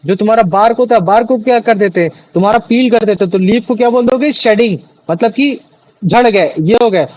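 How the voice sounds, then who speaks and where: Brief: male tutor, high pitch, chatty, keeps quizzing students, mix. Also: fairly quick, a little mellow, poor audio. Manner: chatty, repeats questions to students, many fillers. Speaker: teacher. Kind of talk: classroom biology lesson.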